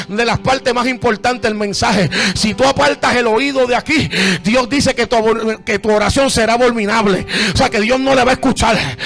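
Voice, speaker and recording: A man preaching a sermon as pastor, swinging from hushed talk to shouts and calling his listeners "amado". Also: very high voice, gravelly. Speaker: bishop, pastor.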